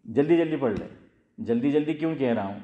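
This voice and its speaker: Heard through narrow, tinny, reverberant audio, a male Islamic scholar talks in an expressive mid-range voice. His talk is a conversational sermon in which he questions listeners and restates what matters most.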